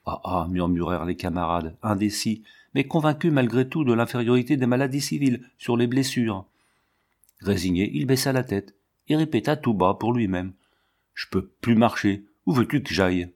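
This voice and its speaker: A man reading a literary novel aloud in a steady, measured narration, lightly voicing the soldiers' lines. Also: lowish voice. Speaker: audiobook reader.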